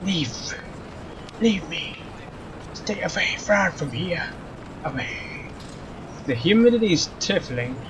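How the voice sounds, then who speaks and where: Speaking slowly in a sing-song, rather high voice, this young man leaves long pauses as he reads story text theatrically during a let's play and comments casually. Background noise and faint game music accompany his slightly muffled recording.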